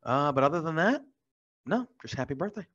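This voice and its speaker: A man's voice: on the high side, big pitch swings, a little fast, a bit bright, husky, dry recording. A man co-hosting a podcast, heard over a video call, chatting casually and chiming in with short, easygoing replies. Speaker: podcast co-host. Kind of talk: casual chat. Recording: dull lo-fi video call audio.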